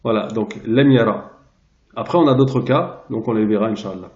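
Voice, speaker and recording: A man teaching a translation lesson, pausing often and searching aloud for the right word. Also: fairly low pitch, darkish tone. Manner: hesitant, searching aloud for words. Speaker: Arabic teacher. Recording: roomy, dull lo-fi sound.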